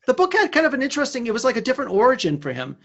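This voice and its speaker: High, lively, fast-talking male co-host. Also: gravelly. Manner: chatty, quick interjections. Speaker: podcast co-host. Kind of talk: casual chat. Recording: muffled lo-fi podcast audio.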